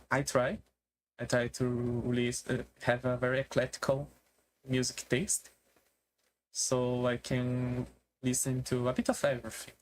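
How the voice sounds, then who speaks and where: A streamer talking casually in a halting way, with non-native English phrasing, on a solo stream. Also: medium pitch, slight background noise. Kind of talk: casual solo debut stream talk about favourite books and music.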